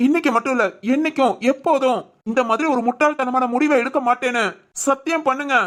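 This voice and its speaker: A woman voicing a gentle young husband in a dubbed cartoon drama, earnestly pleading and reassuring. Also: high-pitched, quick pace, lightly acted.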